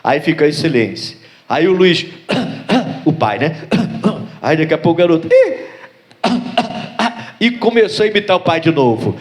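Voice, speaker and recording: A man, a pastor preaching a sermon, telling stories and asking his congregation rhetorical questions. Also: on the high side. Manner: storytelling with acted voices and rhetorical questions.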